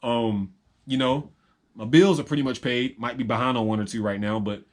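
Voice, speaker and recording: A man's voice: medium pitch, normal speed. Rambling, reflective man talking to camera. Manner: rambling, reflective, with filler ums; repeats phrases for emphasis. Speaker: vlogger. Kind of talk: unscripted personal monologue.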